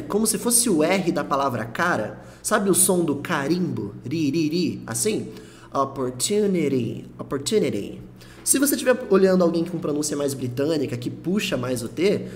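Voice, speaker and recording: A man's voice: fairly high pitch, a little hiss or hum. Brazilian-Portuguese-speaking male English teacher, didactic. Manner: didactic, repeats English words slowly for pronunciation. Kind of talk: explanatory online lesson.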